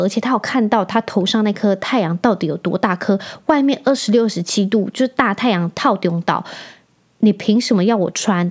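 Brief: Taiwanese-accented woman, 30s, podcast host, chatty and indignant, mid-pitched, slips in English words. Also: a little mellow. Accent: Taiwanese Mandarin. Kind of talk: casual chat.

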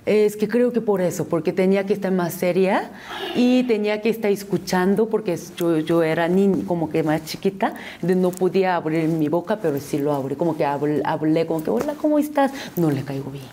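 A woman's voice: on the low side, a little fast, warm tone, slight background noise. A young Korean woman with a Korean accent, speaking Spanish as a second language in a casual interview, with many restarts and repeated words. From South Korea. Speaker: interview guest.

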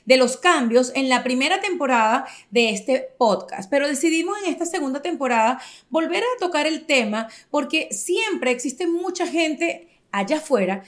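A Venezuelan woman in her forties with a high voice hosts a casual podcast. She talks in an expressive, emphatic way and often turns to address her listeners. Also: normal speed. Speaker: podcast host.

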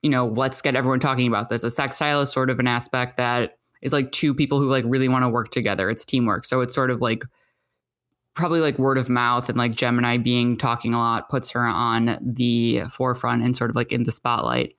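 A woman's voice: a bass voice, a bit bright. A woman co-hosting a casual chat show, explaining astrology in a loose, rambling way full of "like" and "sort of". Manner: chatty, hedging with many "like"s and "sort of"s. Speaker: astrologer co-host.

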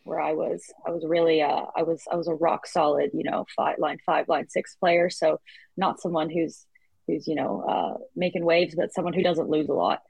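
A woman in her twenties chats as an interview guest, her voice sitting a little low. She talks freely, restarting sentences and adding fillers as she goes. The sound is close and dry, with no room around it. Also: steady tone, moderate pace, gravelly, a little mellow, breathy edge, no echo, poor audio. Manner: chatty, with frequent restarts and fillers. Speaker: guest athlete. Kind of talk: casual interview chat.

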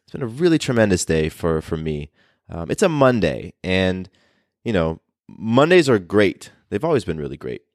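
Upbeat deep-voiced male podcast host. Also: sing-song, normal speed, no room sound, studio quality. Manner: upbeat, chatty, with fillers and restarts. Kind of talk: casual solo podcast talk.

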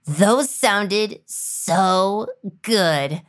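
A woman's voice: medium pitch, very slow. A woman playing a playful, goofy sidekick character on a children's cooking podcast. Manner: playful, musing. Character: Parker, goofy playful kids' show sidekick. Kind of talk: scripted children's podcast acting.

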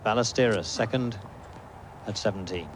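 A man's voice: lowish voice, moderate pace. A man working as a golf commentator, calling play live in short, repeated exclamatory phrases. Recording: very noisy outdoor broadcast with loud crowd. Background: loud crowd and outdoor noise.

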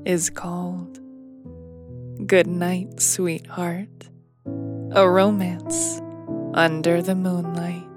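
A woman's voice: lowish voice, level tone, drawn-out words, long pauses. A woman narrating a bedtime story in a soothing manner, as if tucking the listener in to sleep. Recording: piano music behind. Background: soft piano music.

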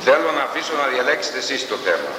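A man giving a slow, emphatic classroom lecture, heard on a noisy archival recording from a lecture hall. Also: medium pitch, very animated. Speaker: university professor lecturing.

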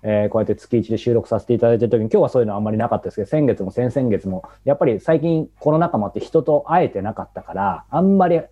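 A man's voice: medium pitch, very fast, few pauses, husky. A man hosting an interview over a video call, eager and encouraging. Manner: eager, encouraging, many backchannels. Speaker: interviewer host. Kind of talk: conversational interview. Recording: dull lo-fi video call audio.

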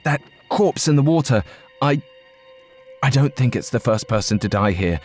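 A man's voice: medium pitch, animated, normal speed, darkish tone, faint music behind, natural voice. A man voicing a frightened young man who pleads with his friend in an urgent, stammering way.

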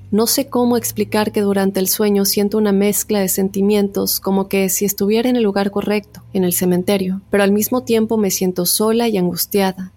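Podcast host, female, mellow low-lit tone, dry booth sound, calm reader of listener letters. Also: no echo. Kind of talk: podcast narration reading listener stories.

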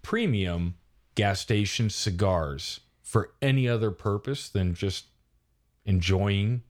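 A man with a fairly low voice co-hosting a comedic talk show. He keeps a mock-serious, deadpan tone and stretches his phrases with lots of fillers. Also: slow pace. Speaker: podcast co-host.

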